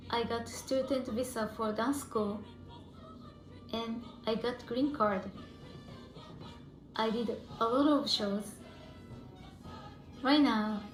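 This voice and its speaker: A woman with a Japanese accent, originally from Japan, telling her personal story as a performer in simple, careful phrasing. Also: on the high side. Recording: echoey room.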